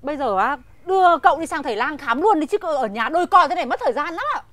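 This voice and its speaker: A high-voiced, fawning maid. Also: female voice, lively intonation, fast talker, fairly bright tone. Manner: deferential and fussy, answering with polite particles. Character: fawning young village maid, eager to please. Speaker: household maid. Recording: background music under dialogue.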